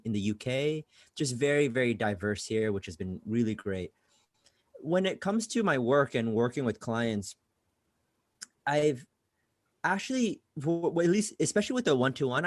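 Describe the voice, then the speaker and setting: A man from Bangladesh who grew up in California, chatting casually as a podcast guest. He speaks at a mid pitch, stumbles and repeats words as he gets going, and the recording is close and dry. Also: no room sound. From Bangladesh, raised in California. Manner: casual, repeats words when starting sentences. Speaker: guest, career coach. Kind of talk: conversational podcast interview.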